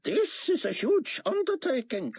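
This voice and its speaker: A man voicing a stern older male prophet who speaks in a solemn, declamatory, measured way, in a raised voice. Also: extremely high pitch, very animated, slightly rough, no room sound, voice pushed up, exaggerated voice. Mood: warning.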